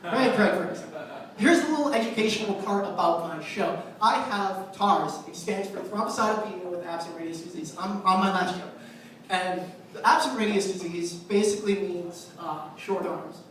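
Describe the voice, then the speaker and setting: A male stand-up comedian telling a self-deprecating story, his bright, forceful voice ringing through a very echoey small club. He speaks from a little way off the mic, with halting fillers and a loose, conversational delivery. A faint room murmur sits underneath. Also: high voice. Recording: echoey club heard from the mic at a distance, faint crowd noise.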